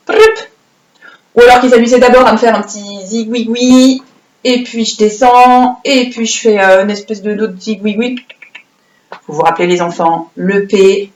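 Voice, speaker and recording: A woman teaching young children to write letters, patient and encouraging, dictating slowly and adding playful sound effects. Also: mid-range voice. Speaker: primary school teacher. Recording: roomy echoey room.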